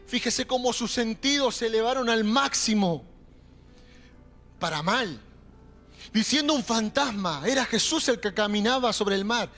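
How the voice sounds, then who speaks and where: A young adult man preaching a sermon in a Rioplatense accent, animated and calling out to the congregation. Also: extremely high pitch, a little slow. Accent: Rioplatense Spanish. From Argentina. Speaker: pastor. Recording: faint music behind.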